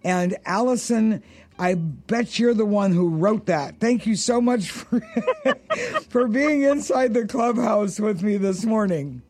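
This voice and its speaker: A woman's voice: medium pitch, expressive, takes it slowly, darkish tone, breathy edge. A woman hosting a radio show in a folksy, rambling, conversational way, chatting and ad-libbing through sponsor reads.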